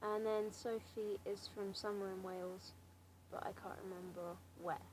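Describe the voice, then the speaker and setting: A clearly noisy amateur recording of a young woman of about seventeen with a southern English accent. Her pitch is average for a woman. She rambles casually and hesitantly, with a wry, self-deprecating manner. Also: little pitch movement, normal speed, a little mellow. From Slough, England. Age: late teens, seventeen. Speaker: amateur vlogger answering a challenge. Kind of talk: casual rambling chat to camera.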